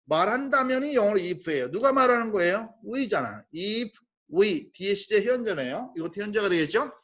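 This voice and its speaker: A man teaching a high school English grammar lesson, explaining step by step, asking rhetorical questions and slowly spelling out English phrases. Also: lively intonation, a bit bright, lo-fi sound. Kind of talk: recorded grammar lecture.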